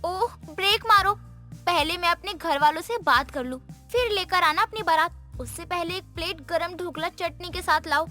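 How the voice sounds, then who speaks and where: A woman voicing a blunt, sassy young woman in an animated story, with quick retorts. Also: extremely high pitch, faint music behind. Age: young adult.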